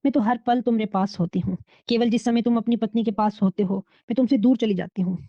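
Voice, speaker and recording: A woman voicing a tender, jealous, lovesick female spirit who speaks softly and with longing, in a storybook reading. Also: on the high side, dry recording, natural voice. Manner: tender, longing, speaks with Sanskrit-flavoured words. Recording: dull, dry lo-fi recording.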